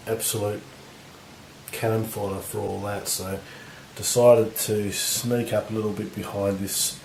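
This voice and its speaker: A man with a husky voice from recent illness, giving relaxed, rambling commentary on a tabletop battle. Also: on the low side, measured pace. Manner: relaxed, rambling, lots of fillers. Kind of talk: casual game commentary. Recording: echoey room with faint noise.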